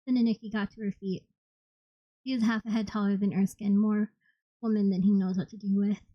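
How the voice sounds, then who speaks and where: A woman reading a novel aloud in the first person, steady and plain. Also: medium pitch, a little fast, no echo. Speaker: audiobook reader. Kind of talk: first-person audiobook narration. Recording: slightly dull, dry recording.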